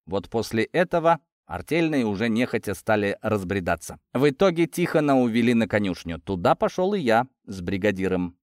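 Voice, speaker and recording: A man narrating a first-person audiobook in an expressive storytelling manner. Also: lowish voice, a little fast, few pauses, no room sound, studio quality.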